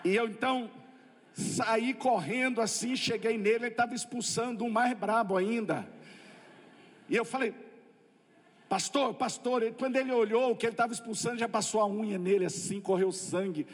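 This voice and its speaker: Brazilian male preacher, high voice, comic storyteller, echoing church hall. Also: normal speed. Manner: lively storytelling with comic asides. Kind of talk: humorous testimony sermon.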